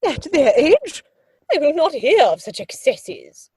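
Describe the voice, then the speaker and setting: A woman's voice: high-pitched, very animated, slow, darkish tone, no room sound, heavily acted. A woman playing an imperious, haughty older aristocratic lady in a comic play reading, speaking with pompous, commanding emphasis. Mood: disapproving.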